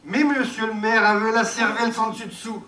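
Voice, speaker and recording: A man's voice: high-pitched, steady tone, brisk, sharp tone. A man telling a rustic folk tale in a homely way, with asides to his listeners. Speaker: storyteller. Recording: echoey, from far off, faint noise.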